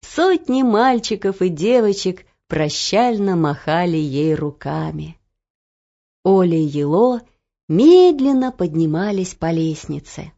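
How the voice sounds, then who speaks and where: A woman narrating a children's story in an expressive storytelling manner, on a dull, muffled audiobook recording. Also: lowish voice, takes it slowly.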